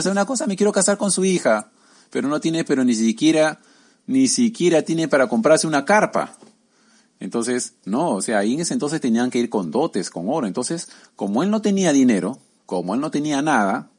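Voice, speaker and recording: A man preaching in a casual, conversational way, retelling a Bible story and often asking his listeners tag questions. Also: mid-range voice. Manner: conversational, peppered with tag questions, acts out quoted voices.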